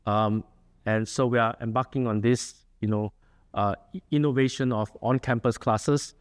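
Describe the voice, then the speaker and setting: A middle-aged associate dean from Singapore, with a Singaporean accent, gives an earnest talk and takes questions in a lecture room, often using fillers and restarting sentences. His mid-range voice has a steady, clean tone at a moderate pace.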